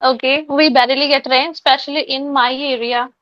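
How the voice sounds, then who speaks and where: A woman's voice: high voice, steady tone, a little fast, a bit bright, no room sound, muffled recording. A woman from Punjab, chatting in casual English practice over a call, talkative and full of fillers and self-corrections. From Punjab, India.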